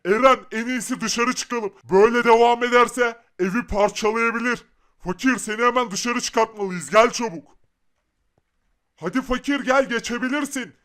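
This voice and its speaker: A man plays a bossy but caring rich young guy in a blocky game cartoon. He speaks in a very high voice and keeps urging his friend by name. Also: moderate pace, fairly bright tone. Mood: worried. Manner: urgent, repeats the friend's name. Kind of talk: Minecraft animation voice acting.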